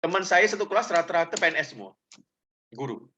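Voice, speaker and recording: A man's voice: fairly high pitch, big pitch swings, fast, sharp tone, a little hiss or hum. A middle-aged man giving a casual talk to students, telling personal stories in a chatty, loose way with many fillers. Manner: chatty, loose, full of fillers, addresses listeners directly. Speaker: guest speaker.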